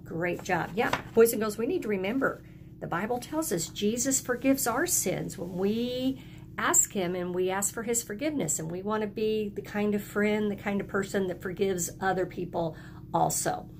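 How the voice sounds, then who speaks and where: A woman who teaches early elementary school leads young children through a lesson in a mid-range voice at normal speed, offering simple words of encouragement and having them repeat after her. Background noise is present.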